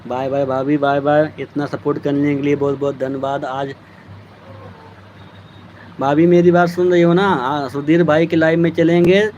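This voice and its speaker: A man with a fairly high voice chats casually on a live stream. He teases his viewers and thanks them by name. The phone audio sounds dull and lo-fi, with faint vehicle noise in the background. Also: steady tone, normal speed, darkish tone.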